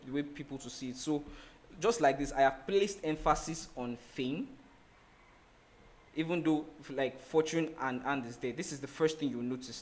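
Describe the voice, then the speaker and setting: A man teaching a design lesson over a screen share. He explains in a loose, rambling way, restarting sentences and leaning on "like" as he thinks. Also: mid-range voice. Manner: rambling, with many restarts and "like" fillers. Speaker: design instructor.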